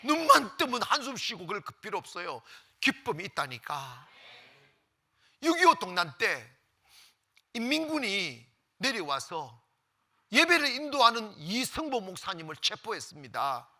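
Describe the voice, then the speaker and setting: A man preaching a Sunday sermon with a high, bright, animated voice. He builds to loud exclamations, then drops to near-whispers, and repeats phrases for emphasis. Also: unhurried. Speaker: pastor.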